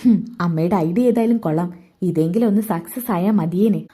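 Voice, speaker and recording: A woman's voice: fairly low pitch, normal speed, mellow, breathy edge. A woman voicing a sly, spoiled young wife who plots with her mother.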